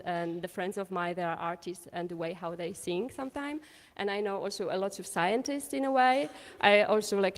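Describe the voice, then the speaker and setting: Woman artist answering at a panel, lots of restarts and laughs, echoey hall. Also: mid-range voice. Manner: hesitant, restarting, laughing often. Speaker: invited artist.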